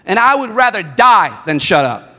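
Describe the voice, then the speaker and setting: A middle-aged guest speaker gives a fiery speech in a large convention hall, hammering a repetitive rallying cadence. His voice is high and sharp with wide pitch swings at a normal pace, and the echoey hall carries crowd noise.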